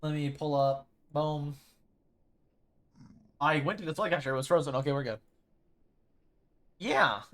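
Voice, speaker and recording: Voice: mid-range voice, a little slow, pauses often, a bit bright. A streamer rambling and thinking aloud over live gameplay in casual chat.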